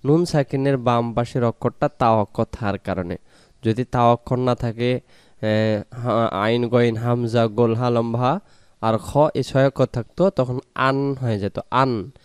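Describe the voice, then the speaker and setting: A man's voice: mid-range voice, fairly even intonation, unhurried, a little mellow, clear, resonant tone, dry recording, clean studio sound. A man teaching Quran pronunciation, patiently drawing out and repeating each syllable for learners. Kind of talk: slow pronunciation lesson with drawn-out recitation.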